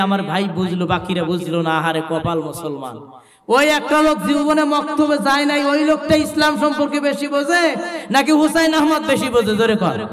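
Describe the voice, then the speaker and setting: A man's voice: very high voice, fairly bright tone. A man with a Rangpur Bengali accent preaching a sermon at an outdoor religious gathering, chanting and calling out to the crowd. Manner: chanting preaching with sung cadences, calls to the crowd. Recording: echoey public address sound, long reverb.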